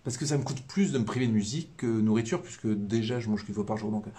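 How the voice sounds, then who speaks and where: A man with a Southern French accent, a religious brother giving a live talk, speaks quickly in a lowish, dark voice. His casual spiritual talk wanders and hesitates, packed with fillers and repeated words.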